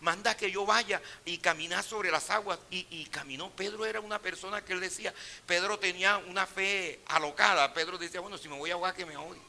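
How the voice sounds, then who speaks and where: A middle-aged pastor delivers his sermon in a bright, cutting voice that sits a little high for a man. He tells his stories in a low, hushed tone, then rises into loud, emphatic preaching. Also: steady tone, fast, vocal fry, a little hiss or hum. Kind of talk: sermon with personal storytelling.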